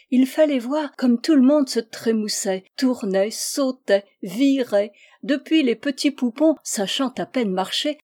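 Mellow-voiced woman reading a fairy tale. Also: fairly high pitch. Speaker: storyteller. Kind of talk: read fairy tale narration.

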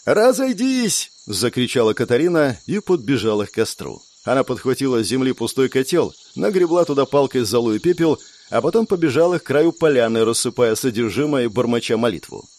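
Brief: male audiobook narrator, expressive, lively intonation. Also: medium pitch, fairly quick. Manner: expressive storytelling.

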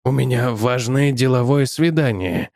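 A man's voice: mid-range voice, animated, unhurried, darkish tone, dry recording. Brief: edgy businessman, curt and snappish, from a male reader, dry close sound. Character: irritable, rattled middle-aged businessman.

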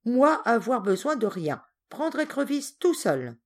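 Loyal servant guy voiced by a woman, choppy broken french, slow and singsong. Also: fairly high pitch, sing-song, voice pushed up. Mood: eager. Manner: clipped broken phrasing, slow and deliberate. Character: devoted adult male servant speaking broken French.

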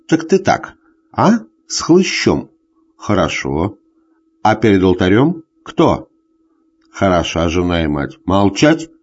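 A man's voice: deep voice, huge pitch swings, slow pace, highs cut off, heavily acted. A man doing a drunk, jealous bullying husband. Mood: enraged. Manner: hoarse tearful bullying rants.

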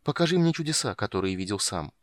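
A man voicing a distraught young male apprentice mage who pleads and shouts in a raised voice. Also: on the low side, big pitch swings, fast, dry recording. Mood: pleading. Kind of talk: audiobook character reading.

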